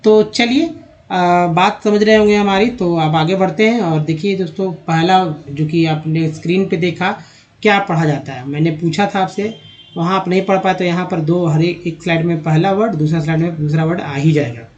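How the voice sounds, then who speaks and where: A man teaching English reading in an online lesson, explaining letters and sounding out words slowly one by one while addressing viewers as friends. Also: high-pitched, highs cut off. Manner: slow, drawn-out word-by-word pronunciation drills.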